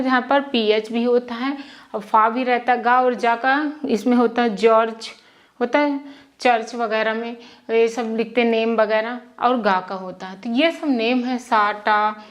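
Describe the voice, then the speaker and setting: A woman teaching English pronunciation at a whiteboard, often asking a question and answering it herself and repeating sounds slowly. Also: fairly high pitch. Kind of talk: whiteboard lesson in Hindi. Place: classroom with whiteboard.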